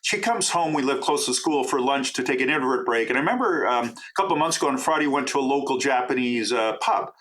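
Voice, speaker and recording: His mid-range voice is animated and a bit bright as the middle-aged professor and author from Canada responds to interview questions. He is chatty and eager, with quick asides along the way.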